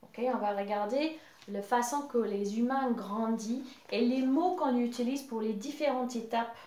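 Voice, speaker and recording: A woman whose first language is English, teaching English to children in a patient, drawn-out voice. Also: fairly high pitch, warm tone. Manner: slow, patient, drawn-out teaching voice switching between French and English. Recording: echoey room.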